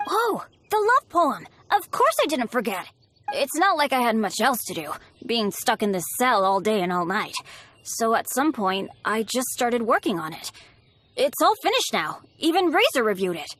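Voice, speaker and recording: Bennett, animated boy adventurer. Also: on the high side, moderate pace. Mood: eager, proud. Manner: exclamatory, boyishly dramatic. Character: earnest excitable teenage boy adventurer, unlucky, boastful yet kind. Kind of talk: video game voice acting.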